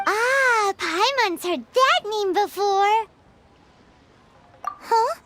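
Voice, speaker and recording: A woman voicing a tiny, perky, childlike fairy companion in a video game, squeaky and chatty. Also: expressive, extremely slow, a bit bright, slight background noise, full character voice. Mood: curious. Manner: perky, refers to self by name. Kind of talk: video game character acting.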